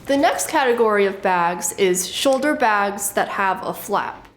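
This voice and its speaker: A woman in her thirties talks through a casual show-and-tell vlog in a wry, matter-of-fact way. Her voice sits at an ordinary middle pitch for a woman. She explains each point plainly and lightly. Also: expressive, a little slow, slight background noise. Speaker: fashion vlogger.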